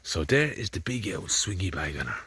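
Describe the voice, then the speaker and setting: A farmer with an Irish accent chats and grumbles as he films in a rainy field on a handheld phone, his casual vlog narration rambling freely. His low voice swings widely in pitch, runs a little fast and has a fairly bright tone, with slight background noise.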